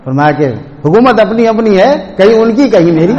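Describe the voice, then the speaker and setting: High-voiced preacher in a reverberant mosque. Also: male voice, animated, a little mellow, lo-fi sound. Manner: storytelling with acted quotes and a sung couplet. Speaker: religious teacher. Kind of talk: sermon. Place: large mosque. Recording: long hall reverb.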